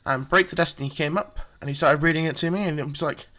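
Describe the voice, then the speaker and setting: Man, slightly high voice, casual, chatty, lots of ums, step-by-step explaining. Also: fast, pushed and bright. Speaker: deck profile presenter. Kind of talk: casual card game explanation.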